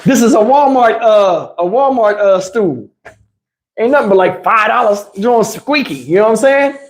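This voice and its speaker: Speaking at a normal pace in a high, expressive voice, a man chats casually with his livestream viewers. He rambles along in loose slang, swearing freely.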